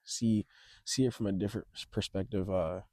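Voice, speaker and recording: Young man, low-pitched, dry close sound, casual vlog chat, hesitant pauses, cold shivery shake in the voice. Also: steady tone, mellow, no room sound. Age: young adult. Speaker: vlogger. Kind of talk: casual, rambling advice chat to camera. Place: outdoors on a cold, windy, snowy beach.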